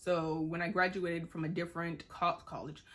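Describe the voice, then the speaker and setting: A young woman in her twenties, from Boston, talks in a loose, rambling way. She fills her story with fillers and acts out her own past reactions. Her voice sits on the lower side for a woman. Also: normal speed. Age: 20s. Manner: rambling, animated, with many fillers and acted-out quotes. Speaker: vlogger. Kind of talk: casual chat while getting ready.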